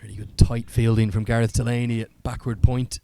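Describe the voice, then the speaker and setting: Crisp-voiced male cricket commentator. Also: mid-range voice, little pitch movement, a little fast, warm tone. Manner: fluent, articulate broadcast delivery. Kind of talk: live play-by-play sports commentary.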